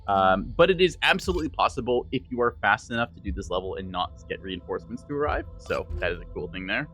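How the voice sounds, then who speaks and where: Casting: lowish male gamer voice, casual and joking play-by-play commentary. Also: expressive, fast, a bit bright, breathy edge, faint music behind. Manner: joking, rambling, lots of fillers. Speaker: streamer.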